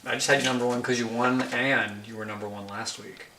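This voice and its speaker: A man's voice: medium pitch, steady tone, fairly quick, roomy sound, distant mic, crowd noise. A man co-hosting a casual fantasy sports chat, dry and teasing, laying out details step by step. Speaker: podcast co-host.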